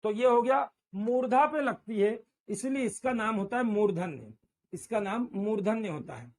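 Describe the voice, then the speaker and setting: A man's voice: high-pitched, animated, moderate pace. A male teacher giving a classroom lecture, drilling syllables aloud and urging students to repeat after him.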